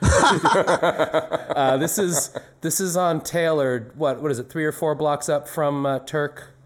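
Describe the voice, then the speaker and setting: A man's voice: on the high side, fairly even intonation, slow pace. A man hosting a podcast in casual, joking chat with frequent restarts. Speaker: podcast host.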